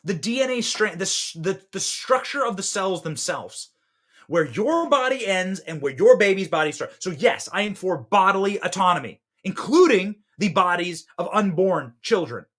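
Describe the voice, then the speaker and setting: A man in his thirties hosting a political podcast, giving fiery commentary that swings between loud outbursts and hushed asides. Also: high voice, animated, normal speed. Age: 30s.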